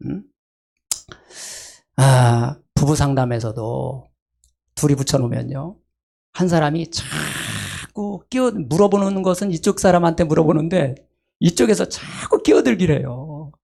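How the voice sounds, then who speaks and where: A middle-aged man preaching a sermon as pastor, shouting out acted calls and then dropping to quiet asides, and often checking in with the congregation. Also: on the high side, normal speed, vocal fry, slightly rough. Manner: acts out voices with sudden loud calls, then drops to asides; asks the congregation short checks like "eh?" and "right?".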